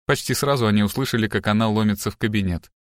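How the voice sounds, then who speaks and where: A man's voice: lowish voice, quick pace, dry recording. Male narrator, dry close reading. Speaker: audiobook narrator. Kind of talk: scripted narration.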